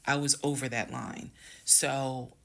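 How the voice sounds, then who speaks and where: Animated woman with gravelly voice. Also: extremely low pitch, slow. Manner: animated, dramatic, talks straight to viewers. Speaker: storyteller. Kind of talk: casual storytime. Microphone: phone.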